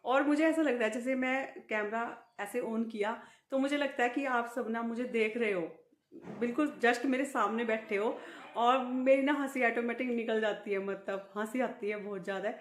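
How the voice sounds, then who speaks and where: A woman's voice: on the high side, moderate pace. A middle-aged woman vlogging in casual chat to the camera, laughing often as she talks. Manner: laughs often while talking. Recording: echoey room.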